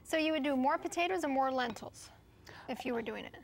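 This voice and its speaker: A woman's voice: high-pitched, fairly quick, slight background noise. A woman hosting a casual cooking chat, asking many short questions and saying "okay" often. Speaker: host.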